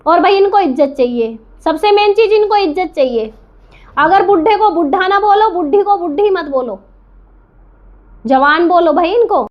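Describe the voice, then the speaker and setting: This reaction vlogger's voice is extremely high, with lively intonation and a normal speed, heard through a muffled recording. She scolds the camera indignantly and defiantly, asking rhetorical questions and repeating points for emphasis.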